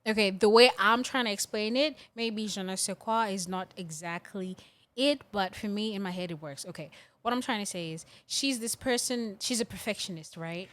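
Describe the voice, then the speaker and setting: A woman's voice: mid-range voice, moderate pace, a bit bright. A young woman from Africa co-hosting a casual chat, laughing easily and explaining things carefully. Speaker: podcast co-host.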